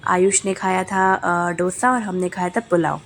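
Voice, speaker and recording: A woman's voice: lowish voice, steady tone, measured pace, creaky, a bit bright, soft background music. A young adult woman with a cold, narrating a family vlog in casual chat, with many hesitant fillers. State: coughing, has a cold. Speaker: family vlogger.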